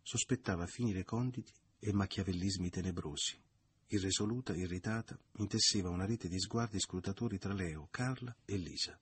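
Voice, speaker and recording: A man narrating a novel in a measured, literary audiobook reading. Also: sits low, breathy edge.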